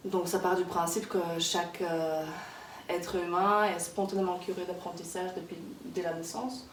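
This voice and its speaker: Softly pitched woman, distant in an echoey room. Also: steady tone, normal speed. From Kazakhstan. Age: 30s. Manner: hesitant, many fillers and restarts. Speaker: interviewee, early childhood worker. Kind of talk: casual interview. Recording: echoey room, distant mic, background noise.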